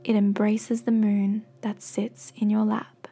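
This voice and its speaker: A woman with a soft, breathy voice gently and slowly guiding a meditation in soothing, encouraging scripted narration. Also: medium pitch, level tone. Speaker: guided meditation host.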